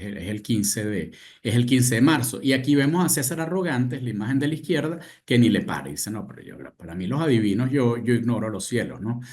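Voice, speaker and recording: A man's voice: medium pitch, darkish tone. A man lecturing at a seminar. He retells scenes, acts out quoted lines in asides, and often restarts his sentences. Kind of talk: seminar talk.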